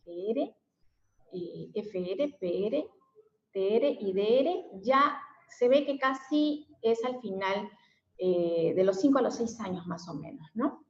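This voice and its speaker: A woman's voice: mid-range voice, animated, slow, a little mellow. Woman teaching a lesson, lots of "eh" and "¿no?", roomy echo, kinda dull lo-fi audio. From Mexico. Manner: frequent fillers and tag questions. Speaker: special education teacher. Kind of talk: explanatory lesson. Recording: echoey room, dull lo-fi sound.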